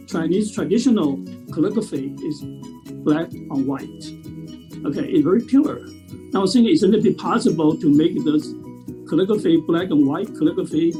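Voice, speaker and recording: Man, sixties, from Taiwan, halting speech, guitar music playing behind. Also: fairly high pitch, poor audio. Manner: halting, with frequent fillers. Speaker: presenter at a talent show. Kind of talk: casual talk.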